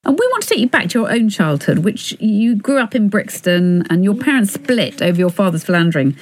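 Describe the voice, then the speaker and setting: A woman's voice: medium pitch, sing-song, a little fast, a little mellow, poor audio. A woman co-hosting a conversational interview and putting questions to a guest. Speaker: co-host, interviewer.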